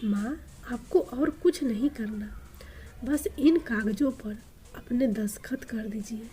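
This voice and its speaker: A woman voicing a scheming adult son who coaxes his mother smoothly. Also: a little high, slow, dark tone.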